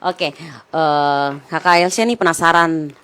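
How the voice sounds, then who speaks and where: Woman talk show host, low voice, polite and affirming, asks long questions. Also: steady tone, takes it slowly, fairly bright tone, clean tone.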